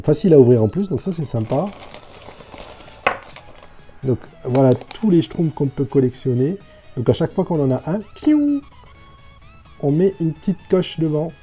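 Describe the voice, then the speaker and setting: A man with a very dark, mellow voice gives casual, talkative unboxing commentary. He describes each toy as he goes and thinks aloud between items. Soft music plays faintly underneath at a medium pitch. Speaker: toy reviewer.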